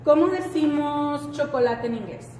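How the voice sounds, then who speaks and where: A woman leads a classroom lesson in a high voice and an unhurried pace. She keeps turning to the students with questions and repeats each word slowly. The sound is roomy, with a long echo and faint ambience behind her. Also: expressive, mellow, slight background noise. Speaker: English teacher. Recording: echoey room, faint background ambience.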